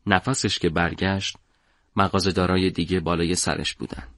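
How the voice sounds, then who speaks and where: A man narrating a story for an audiobook in a measured, dramatic way. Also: low-pitched, little pitch movement, a bit bright, no room sound, studio quality.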